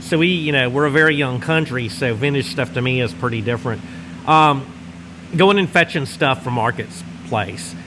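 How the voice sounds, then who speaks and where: A steady hum from a running heater fills the indoor garage workshop, large and insulated, where a middle-aged man sits near the camera. Hosting his channel in a mid-range voice and a Northwest Louisiana drawl, he rambles in a folksy, relaxed way, pausing to puff on a cigar.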